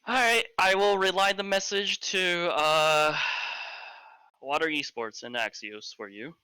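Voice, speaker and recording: Male esports caster, casual interviewer, crisp tone, irreverent. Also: high voice, a little slow, pushed and bright, no room sound, poor audio. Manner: joking, crude, laughs often, rambling. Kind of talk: casual post-match interview.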